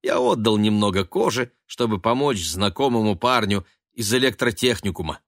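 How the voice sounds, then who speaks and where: A man voicing a loud, jovial young sailor son who talks in a hearty, boisterous way. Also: fairly low pitch, moderate pace, dry recording, clean studio sound, close to an everyday voice. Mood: boastful.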